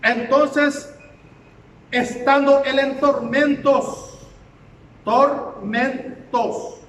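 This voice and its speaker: Pastor guy preaching hard, really high voice, repeats himself a lot, sounds far off the mic in a big echoey hall. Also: a little slow, a bit bright. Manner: emphatic preaching, repeats phrases, asks the congregation for amens. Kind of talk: sermon. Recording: echoey hall, distant mic, faint background noise.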